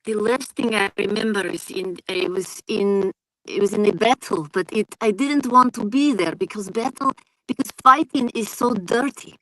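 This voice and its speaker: A woman's voice: mid-range voice, normal speed, bright, forceful tone, dry recording, poor audio. Woman playing a prim, earnest young orc warrior. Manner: prim, earnest, simple phrasing. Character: very tall young female orc warrior, fussy about hygiene. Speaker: guest player.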